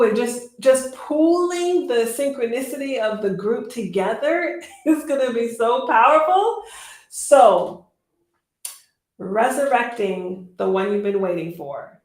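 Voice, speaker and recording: A woman hosting a casual live-stream chat as an energy healer, speaking in effusive, drawn-out phrases. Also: a little high, a little mellow. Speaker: host and Reiki energy healer. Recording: echoey room with faint noise.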